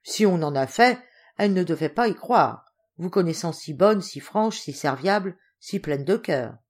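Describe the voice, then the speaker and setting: A woman's voice: on the low side, expressive, normal speed. A woman voicing an affectionate, eager young noble daughter who speaks fervently and effusively. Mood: earnest.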